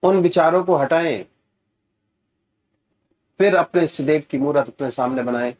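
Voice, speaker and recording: A man giving gentle, soothing guided meditation instructions as a spiritual teacher. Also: a little high. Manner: slow, gentle, soothing guidance with rising emphasis.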